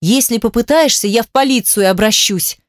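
A woman's voice: a little high, normal speed, no room sound, close to an everyday voice. A woman reading aloud voices a furious young wife who is defiant and close to tears. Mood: cold. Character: furious tearful young wife leaving her husband.

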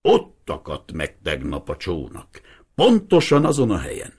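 A man voicing a toothless, secretive old fisherman who croaks and shouts over roaring water. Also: deep voice, huge pitch swings, full character voice. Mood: shouting, gruff.

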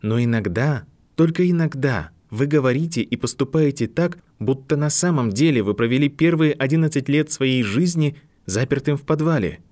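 A man reading an audiobook, voicing a composed older woman professor who speaks softly and sympathetically. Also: medium pitch, animated, voice pushed up, lightly acted. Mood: gentle. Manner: soft, sympathetic, measured. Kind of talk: audiobook narration.

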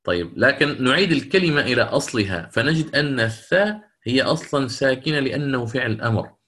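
A man's voice: mid-range voice, lively intonation, sharp tone. A middle-aged man teaching Quran recitation rules in a lecture, explaining step by step and stopping to check his students follow and to take questions. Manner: explanatory, pauses to check understanding and answer questions. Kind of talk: online lecture with recited examples.

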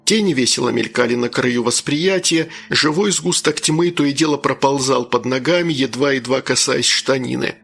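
Gravelly, husky male audiobook narrator. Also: mid-range voice, normal speed, hardly any pauses, a bit bright, soft background music. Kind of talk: scripted first-person narration.

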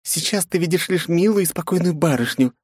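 A man's voice: a little high, a little fast, husky, no echo, clean studio sound, pitched above the performer's own voice. A man voicing a haughty, possessive young princess who snaps, scolds and threatens in an audiobook. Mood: furious, threatening. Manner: snapping, scolding, menacing. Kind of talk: audiobook character voice.

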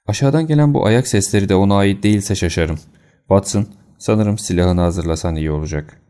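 A man reading an audiobook, voicing a sharp, decisive male detective with a brisk, commanding manner. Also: low voice, close to an everyday voice.

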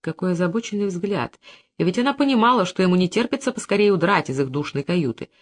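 Measured audiobook narrator, mid pitch. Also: animated. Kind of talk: scripted literary narration.

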